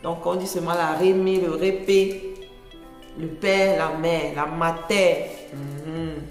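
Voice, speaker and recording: A woman's voice: low voice, steady tone, takes it slowly, roomy sound, long reverb tail, faint music behind. A woman from Cameroon with a Cameroonian French accent, chatting casually as a vlogger, explaining and repeating phrases and laughing often.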